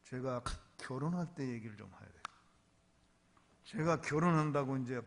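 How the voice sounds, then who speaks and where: A pastor preaching at a revival meeting, telling a story with lively delivery and questioning the congregation. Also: male voice, medium pitch, moderate pace, gravelly, a little hiss or hum. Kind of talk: revival sermon.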